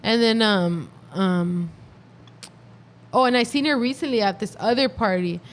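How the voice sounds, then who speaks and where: A woman's voice: medium pitch, unhurried. A twenty-year-old woman chatting casually as a podcast guest, telling stories in loose slang with giggles. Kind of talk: casual chat.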